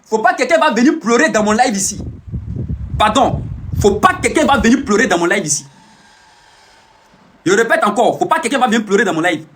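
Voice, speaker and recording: A man's voice: sits high, expressive, fairly quick, pauses often, fairly bright tone, a little hiss or hum. A young man, boastful and teasing, who repeats his phrases over and over in a casual live stream.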